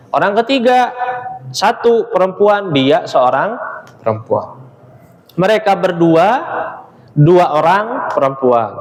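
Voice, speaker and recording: A man teaching Arabic grammar in a classroom, explaining patiently and checking understanding often. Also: a little high. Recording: reverberant hall, faint ambient noise.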